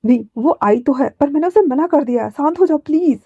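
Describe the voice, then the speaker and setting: A woman voicing a calm young man who urgently and gently pleads with his upset partner in a fan fiction story. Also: high voice, fairly quick, no room sound. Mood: soothing. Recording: dull lo-fi audio.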